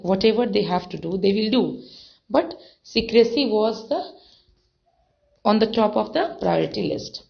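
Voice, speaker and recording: Woman teacher going through a textbook chapter, slow and gravelly, kinda dull lo-fi sound. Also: mid-range voice. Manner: slow, repeats and defines words, many fillers. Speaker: English teacher. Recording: dull lo-fi recording.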